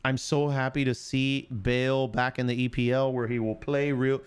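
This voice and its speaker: A man's voice: medium pitch, flat delivery, normal speed, smooth. A man hosting a casual live sports stream, chatting and joking with viewers and reading chat aloud. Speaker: livestream sports show host.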